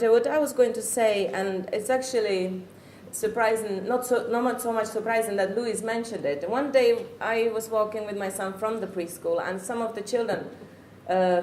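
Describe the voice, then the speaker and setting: This is a middle-aged native Czech speaker from the Czech Republic with a Czech accent and a slightly mellow, mid-range voice. Reflecting earnestly on her life as a parent, she gropes for words while sharing her personal testimony, recorded in an echoey room with faint noise.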